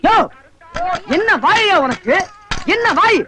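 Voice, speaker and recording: A man's voice: very high voice, expressive, slow, background noise, exaggerated voice. A man with a Tamil accent acting a cheeky beggar who talks back in a film comedy scene. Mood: retorting. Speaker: comedy actor.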